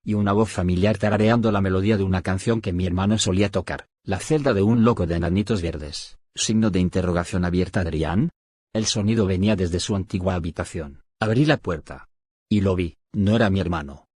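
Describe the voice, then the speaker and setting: A man narrating a scripted first-person horror story in a steady storytelling manner, slowing down on key moments. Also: sits low, no echo, studio quality.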